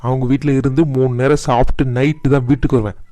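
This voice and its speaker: A man's voice: medium pitch, little pitch movement, fast talker, mellow, no echo, lightly acted. Man acting a sarcastic, fed-up young son. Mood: defiant, annoyed. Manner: sarcastic, complaining. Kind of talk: colloquial family cartoon drama dialogue.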